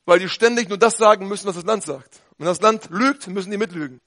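A man preaching a sermon with fervour, dropping to quiet talk and then shouting out his points. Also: high voice, quick pace. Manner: fervent, switches between quiet talk and shouting.

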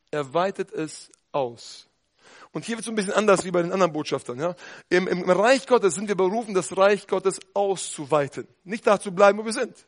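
A man preaching a sermon with fervour, dropping to quiet talk and then shouting out his points. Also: high voice. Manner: fervent, switches between quiet talk and shouting.

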